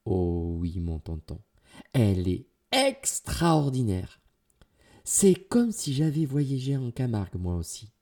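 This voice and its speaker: A man voicing a brave, excitable young girl in a storybook tale, crying out in alarm. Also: on the low side, unhurried, hardly any pauses. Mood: anxious, then delighted. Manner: cries out in alarm.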